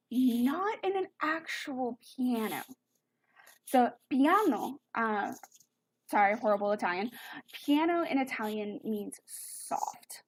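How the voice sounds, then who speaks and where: A young woman teaching an online music lesson over a computer mic, explaining in a chatty way with fillers and self-corrections. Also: fairly high pitch.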